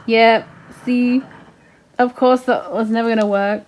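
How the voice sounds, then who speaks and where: A woman reacting to a show in casual commentary, excitable and full of slang and swearing. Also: fairly high pitch, measured pace. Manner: excitable, exclaiming, slangy and profane. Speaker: reaction video host.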